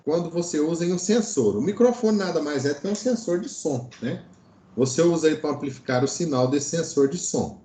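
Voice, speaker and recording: This is an electronics teacher, a Brazilian man, running a casual online class where he explains material and keeps tossing in short check-in tags. He speaks fairly fast in a slightly high, warm voice, and the recording carries a spacious, echoing room sound.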